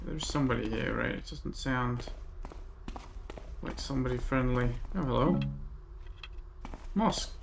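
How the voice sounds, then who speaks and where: A man giving casual let's play commentary, musing aloud as he goes, in a creaky voice. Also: mid-range voice, a little slow, pauses often. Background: faint game ambience.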